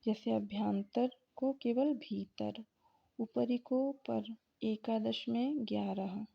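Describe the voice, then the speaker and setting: A woman's voice: on the high side, gravelly, breathy edge. A woman teacher giving an exam revision lecture, reading out terms and examples one by one. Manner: slow, deliberate, reading out lists of examples. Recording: dull lo-fi recording.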